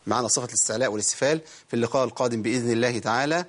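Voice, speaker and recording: This mid-range male voice carries an Egyptian Arabic accent as he leads a televised Quran recitation class. He quizzes the audience at a brisk clip, then lingers slowly over each word.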